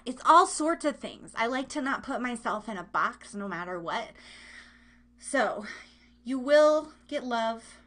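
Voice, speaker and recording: A woman hosts a live online radio show, chatting casually with listeners in a giggly, rambling, playful manner and often repeating phrases. Her voice is a little high and a bit bright, animated yet unhurried.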